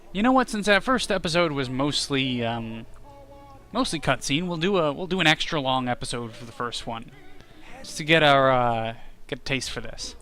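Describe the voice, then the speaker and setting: A man's voice: mid-range voice, animated, moderate pace, pushed and bright, faint music behind. A man hosting a let's play who gives casual, joking commentary on the game. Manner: joking, offhand. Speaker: gaming host.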